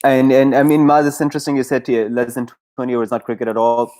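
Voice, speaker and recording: A man's voice: medium pitch, flat delivery, quick pace, warm tone. A man from Pakistan, hosting a casual solo livestream chat, rambling and hesitant, with many fillers and frequent laughs. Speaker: YouTube livestream host.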